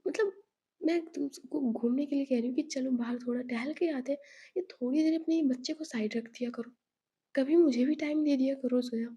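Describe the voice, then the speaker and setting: A woman's voice: fairly high pitch, steady tone, normal speed, warm tone, slightly rough. A woman reading a storybook voicing a playful young woman who teases and coaxes her partner. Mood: exasperated. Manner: teasing, coaxing. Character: playful, teasing young woman, lively and affectionate.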